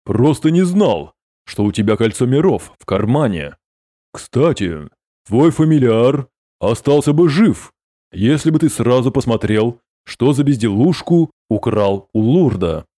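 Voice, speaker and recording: A man's voice: mid-range voice, unhurried, no echo, clean studio sound. A man voicing a cold, sarcastic sorcerer. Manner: calm, cutting, sarcastic.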